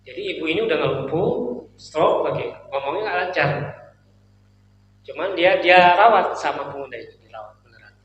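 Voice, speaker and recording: A man's voice: a little high, moderate pace, long pauses, a bit bright, muffled recording. A man preaching a sermon in a mosque, telling the story in a casual, joking way. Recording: echoey mosque hall with faint noise.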